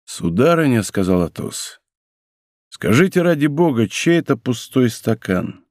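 A man voicing a grave, restrained nobleman in an audiobook, speaking slowly, low and heavily. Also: sing-song, darkish tone, dry recording, clean studio sound. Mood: grim. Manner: slow, low, heavy deliberate speech. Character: grave older nobleman, stern, grim, restrained. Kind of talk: audiobook role reading.

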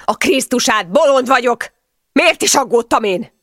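A woman voicing a furious young husband who shouts and curses. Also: a little high, expressive, dry recording, clean studio sound, pitched above the performer's own voice. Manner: shouting, cursing.

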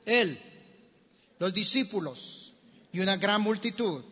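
Preacher, high voice, slow deliberate delivery, dull recording in a reverberant church. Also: male voice, husky. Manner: animated storytelling, asks the congregation questions, acts out shouts. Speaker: pastor. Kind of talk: sermon. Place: church sanctuary.

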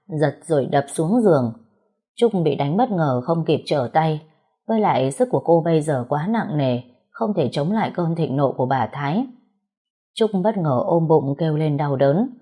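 A woman narrating an audiobook story in a steady, expressive reading voice. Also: low voice, slightly rough.

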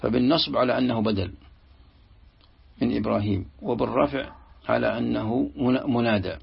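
A man teaching a Quranic commentary lesson, explaining in a halting way that repeats and restarts words. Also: medium pitch. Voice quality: gravelly, very husky. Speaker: sheikh commenting on a tafsir. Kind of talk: classical Arabic tafsir lesson commentary. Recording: muffled lo-fi lesson recording.

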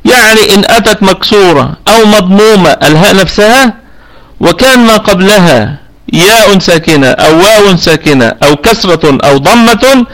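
Egyptian male tajweed teacher in an online class, higher-pitched, patient and checking in often. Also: lively intonation, fairly bright tone, low-quality recording. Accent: Egyptian Arabic. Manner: explains patiently, checks with students after each point; slows down to demonstrate recitation of words. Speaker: Quran recitation teacher. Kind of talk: live online tajweed lesson. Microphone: online voice chat room.

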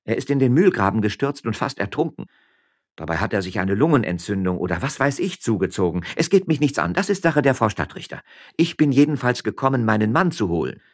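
A man's voice: medium pitch, sing-song, a little fast, voice pushed up. A man voicing a proud, fiery young miller's wife who speaks firmly and indignantly. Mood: urgent.

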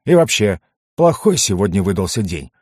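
Narrator as a whiny, touchy goblin; lively, close and dry. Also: male voice, fairly low pitch, normal speed, breathy edge, dry recording. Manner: whiny, pleading. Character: chatty, touchy male goblin.

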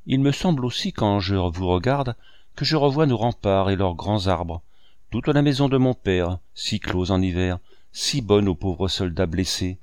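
A man reading an audiobook, voicing a gentle young girl who is a painter's niece, soft and wistful. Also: sits low, a little slow, no room sound, studio quality. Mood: tender, wistful.

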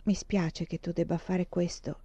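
A woman reading the lines of a gentle blind teenage girl about to leave home, softly and wistfully. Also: on the low side, flat delivery, measured pace, slightly rough, no echo. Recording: dull lo-fi dry recording.

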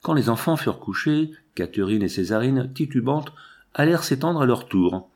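A man reading a novel aloud as an audiobook narrator, measured and lyrical with dramatic pauses. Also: medium pitch, expressive, a little mellow.

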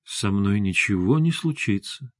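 A man reading an audiobook who voices a tired, troubled husband, speaking softly and calmly. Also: unhurried, no room sound, clean studio sound. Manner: soft, calm and low. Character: weary, troubled husband and magic hunter. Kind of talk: audiobook character voice.

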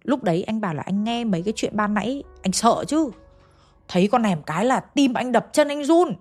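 A woman's voice: on the high side, expressive, brisk, a little mellow, soft background music. A young woman with a Hanoi accent narrating a ghost story in a chatty way, speaking straight to her listeners. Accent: Hanoi Vietnamese. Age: young adult. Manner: chatty, addresses listeners directly.

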